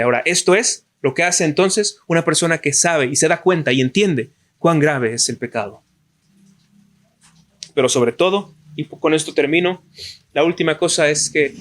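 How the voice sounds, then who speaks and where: A man's voice: a little high, fairly bright tone. A man with a Mexican Spanish accent preaching a sermon, asking rhetorical questions and acting out quoted excuses in a raised voice.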